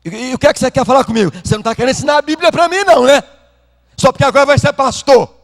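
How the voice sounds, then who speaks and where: A preacher acting out his gruff older father, blunt and loud, in a reverberant church hall. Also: extremely high pitch, very fast, voice pushed up. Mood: challenging. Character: stern older father, gruff then forgiving.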